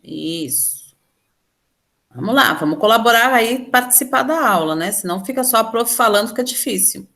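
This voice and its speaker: Brazilian woman, teacher, slightly high voice, patient step-by-step explainer who quizzes the class. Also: animated, moderate pace, vocal fry, fairly bright tone. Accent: Brazilian Portuguese. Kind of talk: online class lesson.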